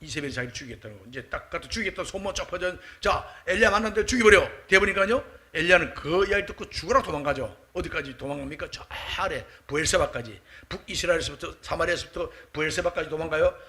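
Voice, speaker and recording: A middle-aged man preaches an early-morning sermon in a high, bright voice. He talks fast, with lively rises and falls in pitch. He also acts out the quoted voices of the people. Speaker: pastor.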